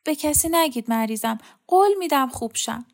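A woman reading a story aloud, voicing a small sick girl with a soft, pleading manner. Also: high voice, animated, creaky, pitched above the performer's own voice.

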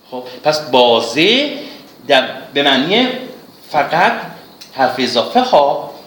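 A man gives a class on classical poetry, reciting verses slowly and explaining them with patience. His pitch moves a great deal as he teaches. The room is echoey, with a faint background hiss. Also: fairly bright tone. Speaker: literature teacher.

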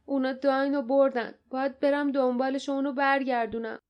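A woman's voice: high voice, flat delivery, muffled recording, voice pushed up, close to an everyday voice. A woman doing an earnest young hero. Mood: urgent. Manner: earnest, urgent. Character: brave young male hero.

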